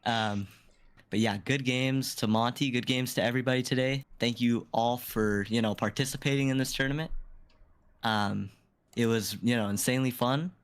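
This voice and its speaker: A man's voice: medium pitch, fairly even intonation, normal speed, clean tone. A man, a tournament player, chatting casually after the matches in a laid-back, slangy, rambling way. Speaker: player and guest commentator. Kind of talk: casual post-match chat.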